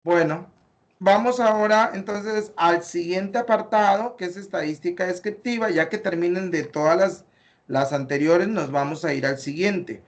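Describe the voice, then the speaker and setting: Mexican male teacher, slightly high voice, explains slowly, lots of fillers. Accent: Mexican Spanish. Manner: explains step by step, corrects patiently, many fillers. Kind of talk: online class, reviewing student data.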